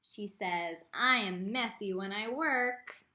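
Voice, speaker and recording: Taking on the role of an art teacher, a woman performs a picture book for kids, full of expression and pausing to speak straight to them with little lessons. She reads slowly, at a medium pitch.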